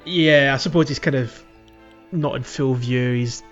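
A podcast co-host chats about a video game in a rambling, hesitant, conversational way. His mid-range voice is unhurried. The lo-fi microphone sounds dull, and faint music plays underneath.

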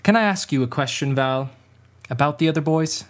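A man in a student radio drama playing a gentle, patient uncle who speaks calmly and reassuringly. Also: fairly high pitch, close to an everyday voice. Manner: calm, reassuring, measured.

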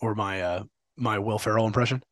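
A man's voice: fairly low pitch, fairly even intonation, a little fast, fairly bright tone, no room sound. A man co-hosting a casual podcast chat, teasing his partner in a playful way and now and then bursting into exaggerated enthusiasm. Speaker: podcast co-host.

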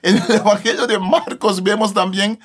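Brief: male podcast guest, high pitch, animated and laughing, walks through scripture conversationally. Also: normal speed, breathy edge. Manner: animated, laughs often, tags phrases with a questioning "no". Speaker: Bible translator, podcast guest.

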